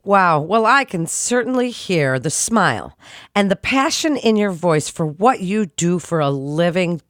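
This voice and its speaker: A woman hosting a hospital health program, introducing and questioning a guest in a polished, expressive way. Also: lowish voice, a little slow, dry recording, clean studio sound. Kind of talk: hosted interview. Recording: faint music behind.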